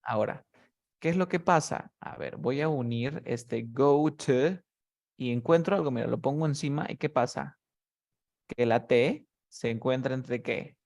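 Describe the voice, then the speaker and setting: A man's voice: medium pitch, a little slow, creaky, darkish tone. A man teaching English to one student, patient and methodical. He breaks each rule down step by step and keeps checking that his student follows. He is heard over a video call. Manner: patient, explains step by step with many checks like "¿cierto?".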